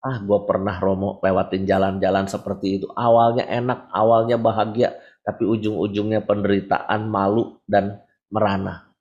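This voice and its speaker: A man's voice: lowish voice, monotone, normal speed, darkish tone, lo-fi sound. A man in his forties, a priest giving a frank, conversational sermon to a congregation with everyday examples. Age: 40s.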